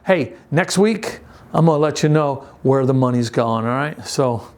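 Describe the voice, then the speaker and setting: An American man giving an informal youth group talk as an upbeat, folksy youth pastor, in a halting, stammering way that repeats words. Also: mid-range voice, animated, darkish tone.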